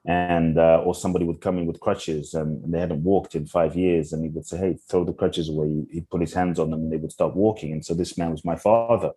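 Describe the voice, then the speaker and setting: A young adult man, a podcast guest from Ghana and London, telling his life story earnestly with slow, searching restarts. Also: low-pitched, fairly even intonation, mellow, slightly rough. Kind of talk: reflective interview storytelling.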